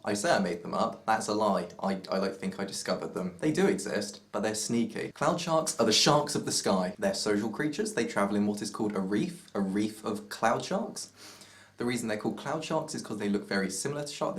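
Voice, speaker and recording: A young man in a casual vlog, rambling through playful mock-serious tangents. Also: fairly low pitch. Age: young adult. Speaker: vlogger.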